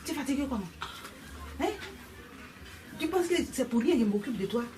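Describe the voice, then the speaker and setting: A demanding, excitable wife with an Ivorian French accent. Her higher voice leaps up and down as she protests. It is caught from a distance in a very echoey room with faint ambience. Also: music in the background. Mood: pleading. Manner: insistent, loud and quick to protest. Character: pushy, excitable grown woman, lively and demanding. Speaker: wife brought to the police station.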